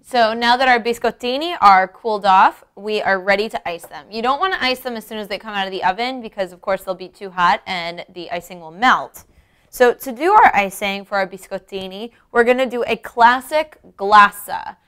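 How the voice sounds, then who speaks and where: At a normal speed, a young woman with a smooth, fairly bright, medium-pitched voice hosts a cooking show. She's a young adult working in a home-style kitchen indoors. Her presentation is conversational, with each step explained directly to the viewer.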